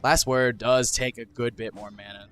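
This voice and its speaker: Guy casting a game, average pitch, thinks out loud and keeps correcting himself. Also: steady tone, normal speed, clean tone. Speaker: esports caster. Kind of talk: casual play-by-play commentary.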